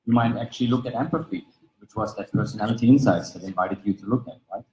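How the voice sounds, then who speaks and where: At a conference venue, a fast-talking Austrian presenter explains his material in an Austrian German accent, German being his native tongue, and keeps reaching for "basically" and "right?". His fairly low voice is a little mellow. The recording is poor, reverberant and carries slight hiss or hum.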